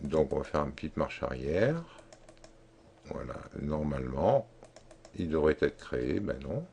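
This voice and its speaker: Slow deep-voiced man explaining software. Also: animated, vocal fry, slight background noise. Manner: slow, halting explanation with many fillers and restarts. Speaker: tutorial instructor. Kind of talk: screen-recorded software tutorial.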